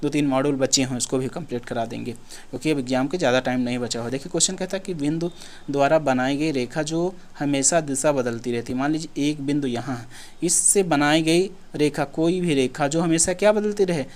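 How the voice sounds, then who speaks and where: A man's voice: fairly high pitch, fairly quick. A man teaching an exam-prep lesson in a casual way, asking questions and answering them himself. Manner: casual, repeats himself, asks and answers his own questions.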